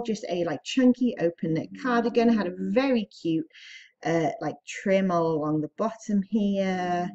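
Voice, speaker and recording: A pregnant woman chats casually to the camera as an online reseller in a vlog, sounding upbeat and slightly out of breath, with lots of ums and little laughs. Her voice is mid-range with a darkish tone, and the audio is dull.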